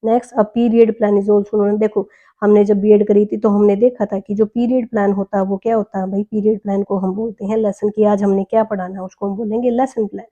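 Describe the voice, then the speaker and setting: Mellow-voiced woman tutoring exam English. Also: mid-range voice, little pitch movement, muffled recording. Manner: explains step by step, asks questions then answers them; reads English questions slowly, explains in Hindi. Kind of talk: exam paper walkthrough lesson.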